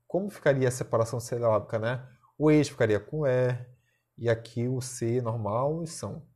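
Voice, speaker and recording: A man's voice: mid-range voice, darkish tone, slightly rough. A male teacher with a Brazilian accent giving a recorded lesson, explaining step by step and often checking in with short tag questions.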